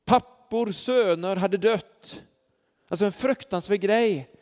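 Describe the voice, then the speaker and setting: A man preaches a sermon in a church hall, telling stories earnestly and using lots of fillers. His voice sits high with a darkish tone, and the recording has a long church hall reverb.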